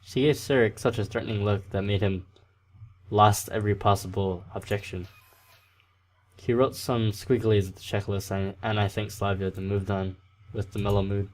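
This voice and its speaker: A man's voice: lowish voice, steady tone, normal speed, a little mellow. A man hosting a let's play, casually reading a visual novel aloud and often tripping over and restarting words. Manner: casual, stumbling over words, self-correcting.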